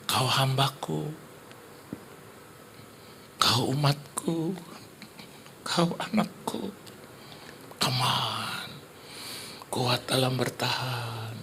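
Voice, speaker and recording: A man doing a slow, hushed divine voice. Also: medium pitch, steady tone, creaky, slight background noise, heavily acted. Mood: tender. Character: gentle, solemn voice of God comforting a man.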